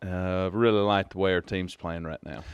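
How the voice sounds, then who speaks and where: A basketball coach trading dry, teasing jokes in casual radio chat in a studio. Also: male voice, deep voice, steady tone, normal speed, smooth, dry recording, dull audio.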